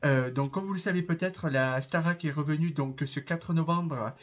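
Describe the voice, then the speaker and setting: A man's voice: a little high, normal speed, muffled recording. A man in his twenties from southern France, with a southern French accent, chatting to camera as a reaction video creator, with many hesitations and fillers. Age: 20s. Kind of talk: casual chat to camera.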